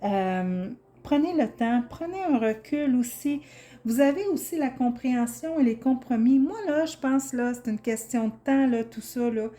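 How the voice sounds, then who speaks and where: A woman with a Québécois French accent reads tarot cards for her viewers in a loose, chatty way, full of fillers and restarts. Her voice sits fairly high but sounds mellow and warm. She gets openly excited as she talks. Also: moderate pace. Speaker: tarot reader. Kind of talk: casual tarot reading for viewers.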